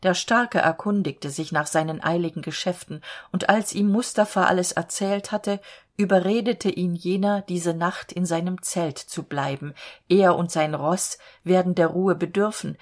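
A woman storyteller reading a fairy tale aloud in a calm, measured way. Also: lowish voice.

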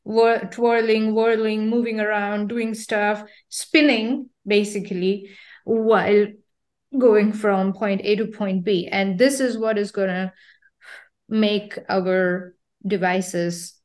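A woman's voice: medium pitch, fairly even intonation, takes it slowly, darkish tone. A young woman hosting a casual science podcast interview, bubbly and playful, joking about herself. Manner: bubbly, playful, self-deprecating. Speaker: podcast host.

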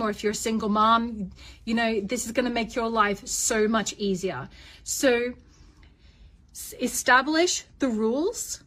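A woman's voice: on the high side, a bit bright. Firm, emphatic woman coaching parents. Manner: emphatic, repeats key points for stress. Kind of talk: instructional talk to parents.

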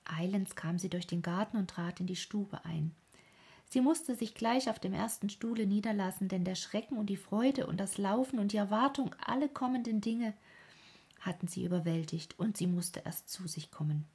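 Narrator: woman, breathy half-whisper, gentle storybook reading. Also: mid-range voice, moderate pace.

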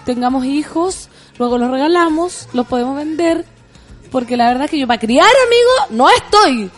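A woman's voice: high voice, animated, normal speed, soft background music. A Chilean woman hosting morning radio, chatting playfully and joking as she reads out listener messages. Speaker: radio host. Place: radio studio.

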